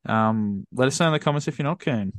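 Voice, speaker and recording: A man's voice: medium pitch, expressive, fast talker, no echo. A man co-hosting a podcast in casual chat, who makes dry teasing wisecracks. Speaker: podcast co-host. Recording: dry, close sound.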